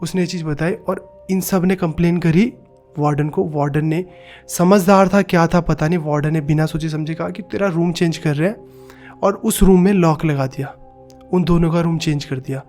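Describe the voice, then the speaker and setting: A man tells a horror story in a fairly high voice. He is dramatic and acts out the knocks and cries he describes. Faint music plays behind him. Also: fairly even intonation, moderate pace, darkish tone.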